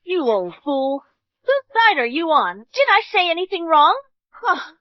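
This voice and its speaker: A scornful, status-obsessed mother-in-law. The voice sits very high and leaps about with contempt. The sound is dry and a little dull, like a studio dub. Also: sing-song, measured pace, no room sound, heavily acted. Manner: haughty, insulting. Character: snobbish, scornful wealthy middle-aged mother-in-law. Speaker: groom's mother. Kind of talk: English drama dub.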